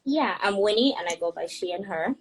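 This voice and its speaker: A woman's voice: mid-range voice, lively intonation, fairly quick, husky, low-quality recording. A young woman from Kenya, a hairstylist and blogger, chatting as a guest on a group audio call and laughing often as she tells stories.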